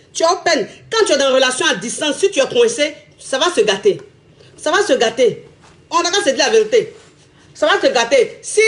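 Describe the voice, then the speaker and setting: High-voiced woman giving advice. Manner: chatty, repeats phrases, laughs often. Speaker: relationship advice vlogger. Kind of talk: casual advice monologue.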